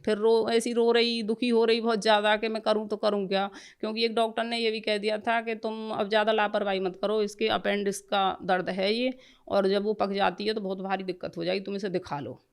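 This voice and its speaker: A middle-aged woman tells her own story with deep earnestness and feeling. She talks in a loose, rambling way, often breaking off mid-word and starting over. Her voice sits at an ordinary pitch for a woman. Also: flat delivery, fairly quick, clean tone. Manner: earnest, emotional, rambling with restarts. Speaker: devotee giving a testimony. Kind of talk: personal testimony storytelling.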